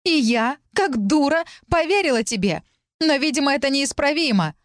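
A woman reading the lines of a calm, cold young woman student in an audiobook, in a composed and slightly mocking way. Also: mid-range voice, normal speed, no echo, clean studio sound, lightly acted. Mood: hysterical shouting. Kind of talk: audiobook dialogue.

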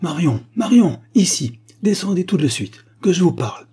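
A man voicing an angry, sharp-tongued spinster who scolds with indignation. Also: medium pitch, normal speed, husky, natural voice. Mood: commanding.

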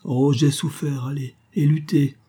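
A man's voice: on the high side, little pitch movement, a little slow, dark tone, breathy edge, pitched above the performer's own voice. A man voicing a breathless, anguished woman. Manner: breathless, trembling, broken pleading. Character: anguished married woman, middle-aged mother, torn and pleading.

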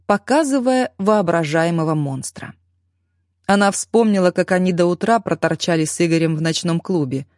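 A woman narrating an audiobook in lively storytelling style, lifting her voice on key words. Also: lowish voice, no echo, clean studio sound. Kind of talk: scripted narration.

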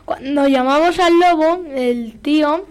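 Brief: woman, quite high voice, lively storyteller in a casual radio chat. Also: a little slow.

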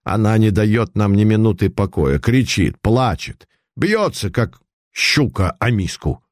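A man's voice: on the low side, animated, unhurried, no echo, studio quality. A man voicing a scheming, greedy baroness who complains angrily and frets. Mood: angry. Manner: angry, fretful complaining.

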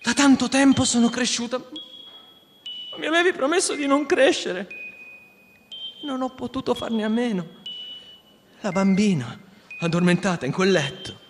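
A grown woman, hesitant and choked, stammering through her words, played by a male reader in a raised, softened voice for a radio reading. A long reverb trails every line over a faint hiss. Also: extremely high pitch, lively intonation, pitched above the performer's own voice. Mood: halting, wistful. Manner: halting, stammering.

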